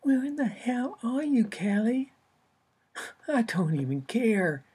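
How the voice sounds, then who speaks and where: A woman's voice: a little high, very animated, slow pace, dark tone, slightly rough, pitched above the performer's own voice, full character voice. A woman voicing a stressed female romance novelist who is stuck on her book. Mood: pleading. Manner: meek, then pleading. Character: harried female romance novelist, meek and blocked.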